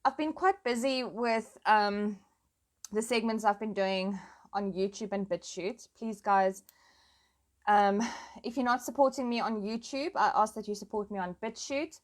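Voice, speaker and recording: A woman's voice: medium pitch, measured pace. A South African woman chatting casually to her online followers in an informal, plain-spoken and emphatic way. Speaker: online commentator and host. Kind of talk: casual chat to followers, switching between languages.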